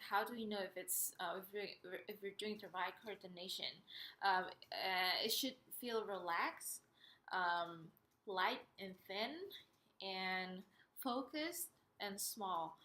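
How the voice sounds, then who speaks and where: A woman giving an instructional singing lesson, explaining step by step in a hesitant, pausing way. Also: medium pitch, bright, forceful tone. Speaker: singing teacher. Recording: roomy, echoey sound.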